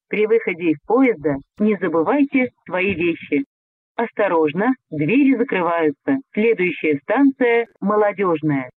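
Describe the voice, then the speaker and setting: A man making formal, measured metro announcements over the train intercom. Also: high-pitched, no room sound. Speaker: transit announcer. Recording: tinny lo-fi train loudspeaker.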